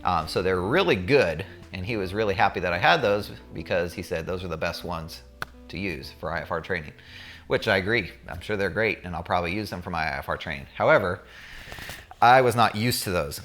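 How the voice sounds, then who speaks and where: A man with a low, deep voice recounts his experience in a casual storytelling style. He speaks candidly and conversationally, as if to viewers, with faint music in the background. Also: lively intonation, fairly quick, a bit bright. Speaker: student pilot recounting a checkride.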